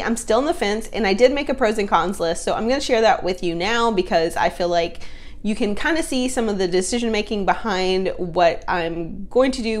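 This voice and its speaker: A young woman, chatting casually to her viewers in a personal finance vlog, upbeat and friendly. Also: medium pitch. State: pregnant.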